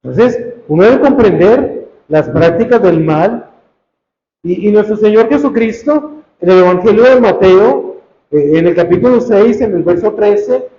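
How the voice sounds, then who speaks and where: A priest teaching a sermon, slow and emphatic, repeating key phrases for weight. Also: male voice, high-pitched, expressive, warm tone, a little hiss or hum. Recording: dull, echoey room recording.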